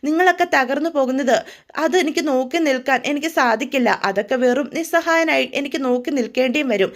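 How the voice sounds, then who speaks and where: A woman's voice: sits high, quick pace. A woman voicing a grief-stricken young man who keeps refusing to tell his family what hurts him, in a tearful, broken way. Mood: anguished. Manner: tearful, pleading, broken delivery.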